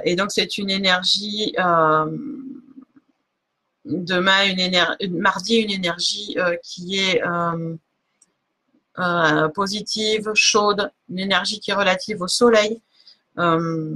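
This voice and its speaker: Her voice sits on the low side, steady and sharp, and she takes it slowly. During a live streamed oracle card reading she's relaxed but hesitant, often stopping to search for words, restarting, using fillers, and laughing at herself.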